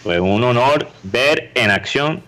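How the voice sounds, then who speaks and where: A man's voice: medium pitch, slow pace, low-quality recording. A man telling a story in casual podcast chat, acting out the voices of the people in it. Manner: animated storyteller, acts out voices. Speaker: podcast co-host.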